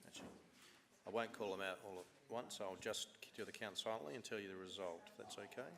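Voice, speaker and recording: A man acting as returning officer in a council meeting, reading out ballots in a measured, apologetic way. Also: fairly low pitch, fairly even intonation, vocal fry, a bit bright. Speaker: returning officer counting votes. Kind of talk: formal council meeting procedure. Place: council chamber.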